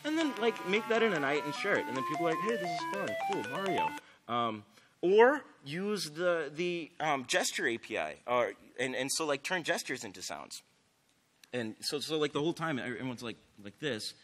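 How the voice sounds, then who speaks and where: A man's voice: fairly high pitch, sing-song, moderate pace, fairly bright tone, faint music behind. A man giving a casual, enthusiastic conference talk on stage, full of "like" and "um". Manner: enthusiastic, filler-heavy, many "like"s. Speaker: conference speaker. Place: conference stage before an audience.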